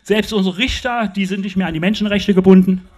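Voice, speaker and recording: A man's voice: high-pitched, a little fast, a little mellow. An older man giving an emphatic public talk on a festival tent stage with a handheld mic, often asking the audience rhetorical questions. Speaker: lecturer.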